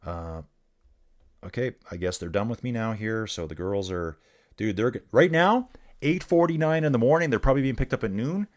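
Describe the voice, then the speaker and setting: At a medium pitch and ordinary pace, a middle-aged man casually calls a bike race live. Easygoing throughout, he talks with viewers, reads the chat out loud, and says "dude" often.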